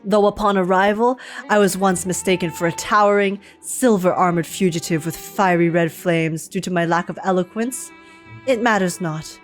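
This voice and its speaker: A woman's voice: on the low side, fairly even intonation, moderate pace, close to an everyday voice. A woman acts out a gallant male knight from a fantasy game, devoted to beauty. The delivery is theatrical and courtly, full of flowery phrases, with music playing behind. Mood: solemn, courtly. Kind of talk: reading game dialogue aloud in character.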